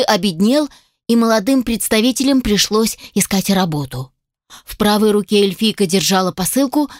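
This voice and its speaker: A woman's voice: medium pitch, no echo, clean studio sound. Woman narrating a fantasy audiobook. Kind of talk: scripted first-person fantasy narration.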